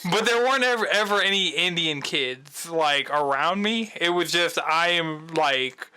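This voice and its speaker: A young man co-hosting a podcast in relaxed casual chat, laughing through his stories. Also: fairly high pitch, measured pace, a little hiss or hum. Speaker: podcast co-host.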